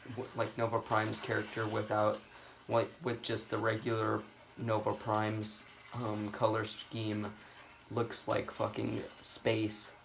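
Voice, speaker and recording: A man's voice: lowish voice, creaky, a bit bright, a little hiss or hum, poor audio. A man rambling through casual gameplay commentary, swearing freely and making self-deprecating asides. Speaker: gaming video host.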